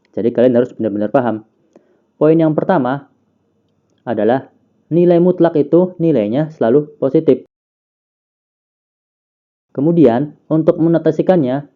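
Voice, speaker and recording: A man's voice: medium pitch, dark tone. A man teaching a math lesson, patiently explaining, asking questions and answering them himself. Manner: patient, asks and answers own questions, counts aloud.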